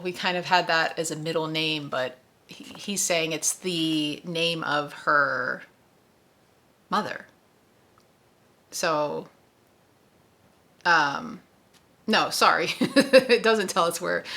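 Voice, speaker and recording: A woman's voice: on the low side, sharp tone. Chatty woman hosting a book club. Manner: chatty, self-correcting, conversational. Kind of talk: casual book discussion.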